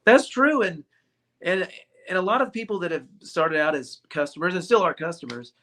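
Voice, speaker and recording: An American ukulele shop owner is interviewed in a casual chat, cracking jokes and laughing often. His voice is high-pitched and a bit bright, moving at a normal speed.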